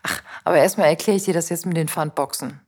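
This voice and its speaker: A brisk, chatty woman colleague who rambles cheerfully through her explanations with a hint of impatience, as a woman narrator reads her lines. The voice sits fairly low for a woman. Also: a little mellow, husky.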